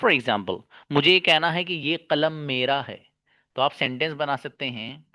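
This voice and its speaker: A man's voice: on the high side, measured pace, pushed and bright, no room sound. Repetitive, questioning grammar teacher man. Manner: repeats key terms and asks rhetorical questions; addresses listeners affectionately as 'babu'. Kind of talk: explanatory classroom lesson.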